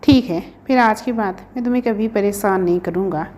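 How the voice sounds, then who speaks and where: A woman's voice: mid-range voice, a little fast, a little mellow, natural voice. A woman reading a storybook, voicing a young male professor who pleads and teases his sweetheart. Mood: earnest. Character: young man, a professor, earnest and teasing lover.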